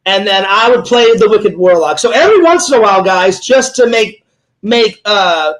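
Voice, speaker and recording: High-voiced excitable man telling a story. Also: normal speed, rough recording. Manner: excitable, rambling storyteller retelling his own words. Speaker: host. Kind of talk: casual chat.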